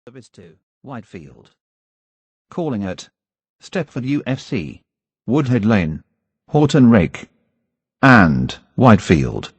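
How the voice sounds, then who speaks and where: A man's recorded announcer voice, built from spliced together words whose loudness jumps from one word to the next. He speaks slowly and haltingly, each word set apart. His pitch swings widely, and his tone is slightly husky. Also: sing-song. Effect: spliced together words, jumping loudness between words. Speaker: automated train announcer.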